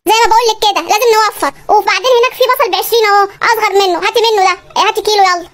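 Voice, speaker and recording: A performer doing a stingy Egyptian husband, very high and rapid. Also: steady tone, fairly bright tone, a little hiss or hum. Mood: scolding. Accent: Egyptian Arabic. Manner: scolding, haggling, fast-talking. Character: stingy nagging Egyptian husband, penny-pinching. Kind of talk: comedy sketch dialogue.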